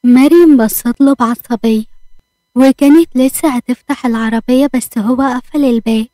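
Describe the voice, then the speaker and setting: A woman with an Egyptian accent narrating a romance story briskly and evenly. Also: sits high, mellow, dry recording.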